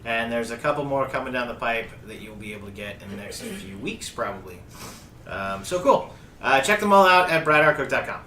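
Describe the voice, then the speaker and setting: A man talks on a casual panel, relaxed and upbeat with lots of filler words. The room echoes, with faint ambience behind him. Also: medium pitch, brisk, slight background noise. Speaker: panel guest, writer. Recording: roomy room sound.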